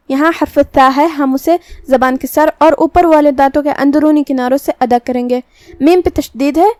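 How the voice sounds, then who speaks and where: A woman teaching Quran recitation, explaining the pronunciation of each letter slowly and carefully. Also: sits high, darkish tone, no room sound. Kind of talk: Quran recitation lesson in Urdu.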